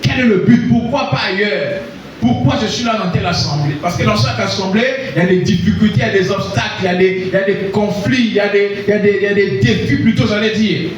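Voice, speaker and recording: A man from Congo preaching a sermon, calling out to the congregation for responses and rising to shouts. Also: high voice, fast, dull audio, a little hiss or hum. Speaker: pastor. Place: church hall. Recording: echoey hall, voice from far off.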